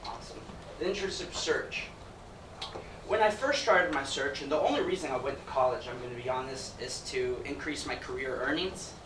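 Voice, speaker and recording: Speaking at a medium pitch and a moderate pace, a young adult from Ecuador delivers a cheerful, jokey student presentation to a crowd in an event hall. The audio sounds noisy and roomy, picked up by a far-off microphone.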